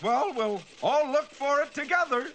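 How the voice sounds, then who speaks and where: Dithering, swooping old cartoon captain. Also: male voice, very high-pitched, lively intonation, moderate pace, a bit bright, exaggerated voice. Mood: befuddled, earnest. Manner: befuddled, hesitant. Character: muddle-headed, dithering older male sea captain. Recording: faintly noisy old soundtrack.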